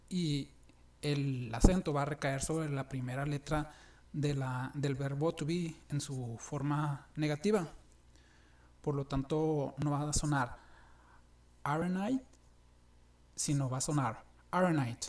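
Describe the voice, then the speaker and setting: A man teaching an English grammar lesson, explaining each example slowly and deliberately. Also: fairly high pitch, a little mellow. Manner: slow, deliberate explanations with frequent restarts.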